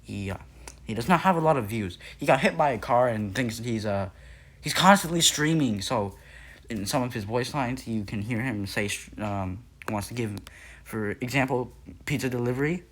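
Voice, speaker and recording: A young Nepali YouTuber narrates a casual lore video in an animated, mid-range voice at normal speed. He rambles, using many fillers, restarting sentences and correcting himself.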